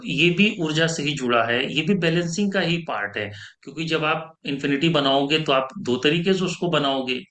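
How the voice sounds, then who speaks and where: A man's voice: fairly high pitch, fairly bright tone. A man teaching meditation to his students, explaining with repeated examples and lifting his voice for quoted speech. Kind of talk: spiritual teaching talk. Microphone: podcast mic.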